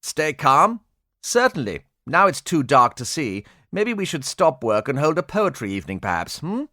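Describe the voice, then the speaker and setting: A man voicing a panicky, sarcastic male spaceship pilot with a high, fearful edge in an audiobook. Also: sing-song, normal speed, pushed and bright, no echo, clean studio sound. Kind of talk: audiobook character voice.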